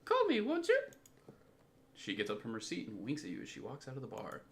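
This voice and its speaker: Man narrating a game, lively and wry. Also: on the low side, fast talker, gravelly. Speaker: streamer narrating a visual novel. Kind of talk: casual reading and joking.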